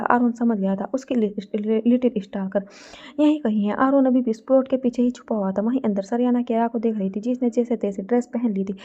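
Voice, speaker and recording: Mellow-voiced woman narrating a story. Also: on the high side, dull audio. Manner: steady reading voice.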